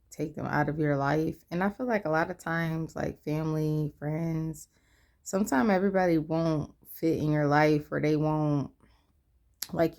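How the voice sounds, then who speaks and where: A woman's voice: sits low, vocal fry, warm tone. Rambling tired woman in her twenties. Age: 20s. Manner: rambling, loses her train of thought, many fillers. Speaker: vlogger. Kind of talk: candid personal vlog.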